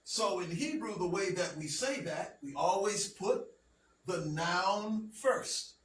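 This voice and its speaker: Slow, high-voiced man teaching a class. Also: animated, a bit bright. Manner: slow, deliberate, checks in with the class often. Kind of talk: classroom language lesson. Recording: roomy, from a distance, faint noise.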